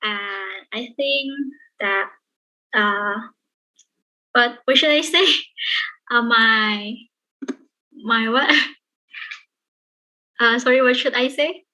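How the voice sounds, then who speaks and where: A woman's voice: fairly high pitch, drawn-out words, pauses often, bright, forceful tone, low-quality recording. A young woman from Indonesia, a student participant, a little flustered and unsure what to say.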